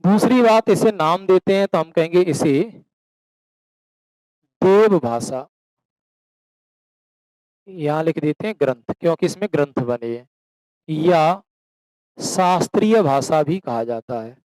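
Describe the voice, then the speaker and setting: A man's voice: on the high side, lively intonation, takes it slowly, long pauses, a little mellow, no room sound, poor audio. A man teaching a classroom lecture, asking questions and answering them himself, addressing students as beta and slipping into rural dialect for examples. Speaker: coaching teacher.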